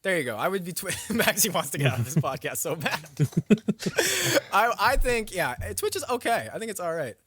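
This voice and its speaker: A man hosting a loose podcast among friends, his voice bouncing up and down in pitch as he rambles and jokes. He sits a little higher than most men, swearing casually and riffing as he goes. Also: normal speed, husky. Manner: rambling, joking, animated, swears freely. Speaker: podcast host.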